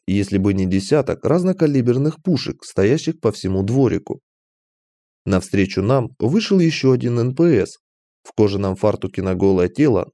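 A man narrates a fantasy audiobook in the first person, his pitch rising and falling with animation. His voice is mellow and warm. The recording is dry and close, with no room sound. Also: no room sound.

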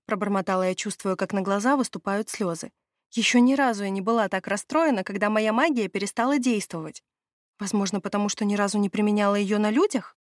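A woman narrates an audiobook in the first person with expressive storytelling. Her voice sits in the middle range. The recording is dry and close. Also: medium pitch, no room sound.

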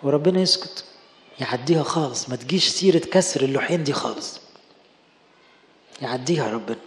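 A man with an Egyptian Arabic accent, a priest preaching a sermon and telling the story with lively acted dialogue. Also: medium pitch, fairly quick. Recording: echoey hall with long reverb.

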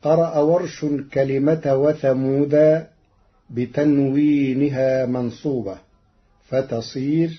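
A man with a husky, slightly breathy voice speaks in slow, deliberate phrases, explaining readings in a measured scholarly tone. The sound is dull and muffled like an old radio broadcast. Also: mid-range voice, steady tone. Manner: deliberate, quotes verses in a slow intoned voice. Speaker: presenter explaining recitation variants.

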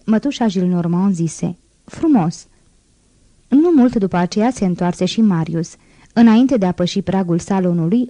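A woman narrating an audiobook in a measured, clear reading. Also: lowish voice, warm tone, dry recording. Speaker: audiobook reader.

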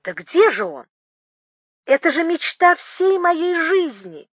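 A woman voicing an excitable middle-aged man who talks in a bleating, delighted voice and keeps exclaiming. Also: fairly high pitch, takes it slowly, no echo, clean studio sound, heavily acted. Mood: ecstatic.

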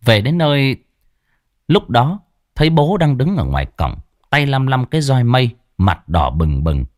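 A man narrating a ghost story in an animated storytelling manner. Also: medium pitch, a little slow, no echo, clean studio sound.

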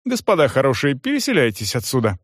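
A man's voice: mid-range voice, huge pitch swings, fast, breathy edge, no room sound, clean studio sound, pitched above the performer's own voice. A man voicing a simple, chatty peasant servant who talks in a folksy, rambling singsong. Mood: bossy. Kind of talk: audiobook character voice.

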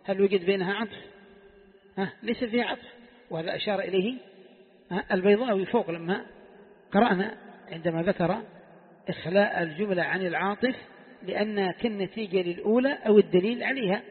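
Sheikh teaching his class, keeps quizzing the students, husky voice, sounds like a phone in a big hall. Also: high-pitched, fast talker, pauses often, narrow, tinny audio. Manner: asks the class questions and repeats key phrases. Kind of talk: classical text lesson.

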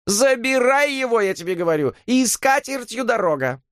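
A coarse older landlady, as a male narrator puts her on, screeches abuse in a piercing, high voice that swoops wildly. It's an audiobook reading with a dry, close sound. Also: sing-song, normal speed, fairly bright tone, dry recording, heavily acted. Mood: shrieking fury. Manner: shrieking, scolding, crude insults. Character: shrill coarse older woman landlady, furious.

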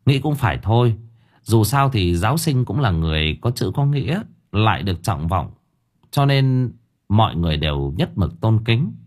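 Brief: male audiobook narrator, deep husky voice, animated intonation. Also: normal speed. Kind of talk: scripted narration.

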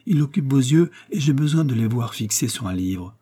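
A man's voice: mid-range voice, animated, moderate pace, warm tone, slightly rough, pitched above the performer's own voice. A man voicing an affectionate young woman coaxing her mother tenderly, in an audiobook reading.

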